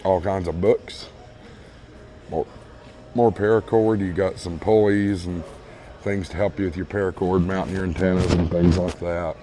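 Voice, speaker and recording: A vlog host with a hoarse, fading voice gives a casual walkthrough of a large indoor retail store, filmed on a handheld phone camera. He is easygoing, repeats his praise, and calls his viewers "folks." His voice is low and dark, with fairly even intonation and a normal speed.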